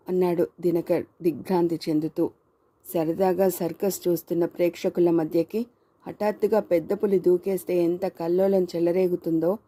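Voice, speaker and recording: A woman narrates a crime story in a steady, expressive reading. Her voice is very dark and mellow and sits somewhat low. The recording is dry and close. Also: no echo.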